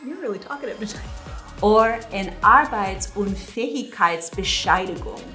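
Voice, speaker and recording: A woman's voice: medium pitch, animated, normal speed, sharp tone, faint music behind. A woman co-hosting a casual vlog, playful and giggly, who tends to ramble. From United States. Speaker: co-host of a couple's vlog.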